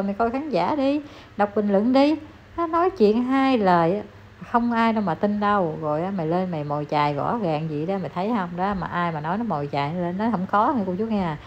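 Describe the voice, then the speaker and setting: A woman's voice: mid-range voice, a little hiss or hum. Scolding Southern Vietnamese woman ranting. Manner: scolding, heated, talks down to the person she criticizes. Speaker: online commentator. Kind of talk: ranting commentary vlog. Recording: slightly dull recording, faint background ambience.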